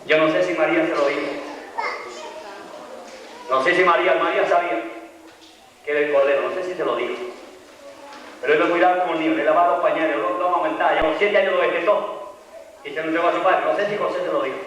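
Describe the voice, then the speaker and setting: Fervent man preaching in an echoey hall. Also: fairly even intonation. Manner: swings between shouted hallelujahs and low, slow passages. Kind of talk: fervent Pentecostal-style sermon. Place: large church hall. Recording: echoey hall, mic far off, faint congregation.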